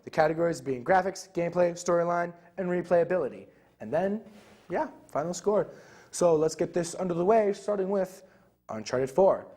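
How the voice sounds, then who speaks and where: A man's voice: high voice, normal speed, dark tone. Chatty young man hosting a game show. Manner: loose, rambling, many fillers. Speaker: co-host of a gaming show. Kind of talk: casual chat.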